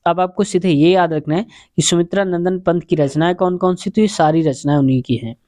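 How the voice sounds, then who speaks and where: A man's voice: sits high, fairly quick, warm tone, no echo. A man explaining exam questions in a casual lesson, chatty and repetitive, calling his viewers friends. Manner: chatty, repeats answers, addresses viewers as friends. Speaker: exam-prep teacher.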